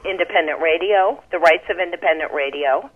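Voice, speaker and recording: A caller talking on a radio call-in show over a phone line, rambling and halting with many fillers and restarts. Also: medium pitch. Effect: heard over a phone line.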